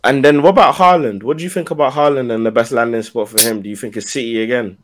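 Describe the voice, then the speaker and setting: A man's voice: mid-range voice, steady tone, fast, slight background noise. A man with a London urban roadman accent chatting casually about football, in a slangy, vivid, conversational way. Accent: London, urban roadman slang style.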